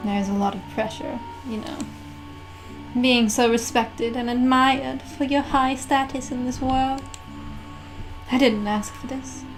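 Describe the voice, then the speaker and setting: A woman voicing a haughty young alien villain from a game, with slow theatrical menace. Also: sits high, fairly even intonation, pitched above the performer's own voice, low-quality recording. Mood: weary, self-important. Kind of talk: dramatic reading of game dialogue. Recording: music playing behind.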